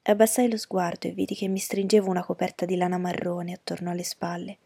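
A woman narrating an audiobook in a steady, even storytelling voice. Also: lowish voice, quick pace, gravelly, slightly rough, no room sound. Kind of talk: audiobook reading.

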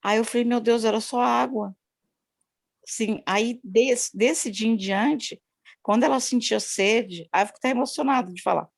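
A woman's voice: fairly high pitch, normal speed, creaky, breathy edge. Woman, daycare worker, rambling storyteller, phone on video call. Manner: rambling and repetitive, many "né?" tags. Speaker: daycare worker sharing an experience. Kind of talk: personal story told in a group call.

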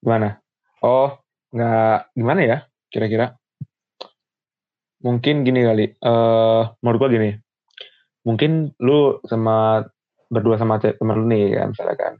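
A man's voice: medium pitch, fairly even intonation, unhurried, pauses often, no room sound. A young man chatting casually in slang, hesitant and often restarting his sentences. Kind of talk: casual chat. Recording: dry, tinny phone-like sound.

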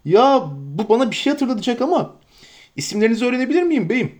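A man doing a stout, forgetful innkeeper, lifted well above his own pitch and rushing his words. He chatters in a flustered, bustling rush, as in an audiobook. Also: very animated, a little mellow, full character voice.

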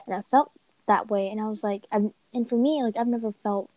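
A teenage girl co-hosts a casual podcast, telling a story that keeps breaking off and restarting. Her voice is mellow and mid-pitched, with a dry sound and no room around it. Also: steady tone, no room sound. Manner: halting, self-interrupting storytelling. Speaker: podcast co-host. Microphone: home mic, recorded remotely.

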